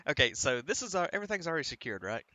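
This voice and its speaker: A man's voice: a little high, very animated, very fast, bright, forceful tone. A man playing a tabletop game who talks casually and swears freely. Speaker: player.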